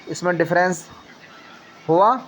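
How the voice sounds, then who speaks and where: Speaking in a high, fairly bright voice, a man guides a learner through Quran reading during a tajweed lesson. He takes his explanations slowly, leans on the filler "na" constantly, and says each letter sound again and again.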